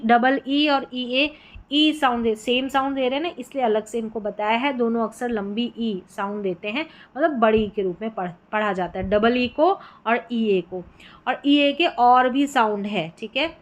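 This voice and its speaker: In a phonics lesson on English spelling sounds, a woman with a slightly high voice patiently repeats each word and checks understanding with quick questions.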